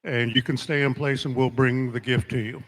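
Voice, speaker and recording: A man working as a powwow emcee, announcing honorees and calling people up in a deliberate, ceremonial way with pauses. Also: mid-range voice, fairly even intonation, poor audio.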